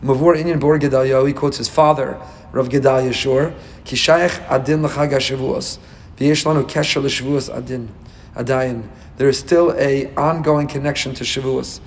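A man with a hoarse, raspy, worn-out voice giving a religious lecture as a rabbi, emphatic and repeating points in strings of synonyms. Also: mid-range voice, steady tone, normal speed, in a large hall, a little hiss or hum. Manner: emphatic repetition, piling up synonyms. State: hoarse, voice nearly lost. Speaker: rabbi teaching a weekly Torah portion class.

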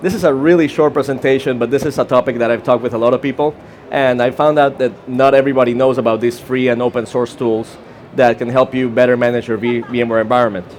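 Speaking in a conference session room, a Costa Rican man gives a short, informal talk in his Costa Rican Spanish accent, with fillers and restarts. His mid-range voice is steady, and he talks quickly.

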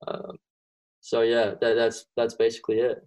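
This is a young man from Belgium, a golfer being interviewed, speaking at a moderate pace in a mid-range voice. Flemish Dutch is his native tongue, and he answers loosely, with plenty of ums and false starts.

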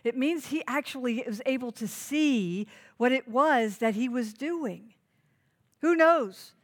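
A woman pastor preaching a sermon, stressing key phrases by repeating them and putting direct questions to her listeners. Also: fairly high pitch. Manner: emphatic, repeats key phrases for note-taking.

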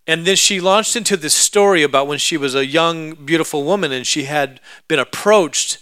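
Bright-voiced male preacher. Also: a little high, normal speed, clear, resonant tone, no room sound. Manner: conversational, building to emphatic preaching. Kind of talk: storytelling sermon.

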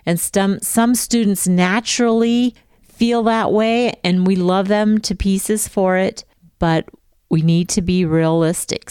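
A middle-aged woman and homeschooling teacher speaking to parents in a measured, emphatic, folksy way. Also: on the low side, darkish tone, smooth, no room sound, studio quality. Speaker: homeschooling teacher giving a talk. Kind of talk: talk to parents.

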